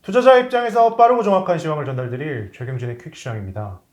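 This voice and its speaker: A man's voice: on the high side, quick pace. A man hosting a finance show introduces the segment and puts short, direct questions to his guest. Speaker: host.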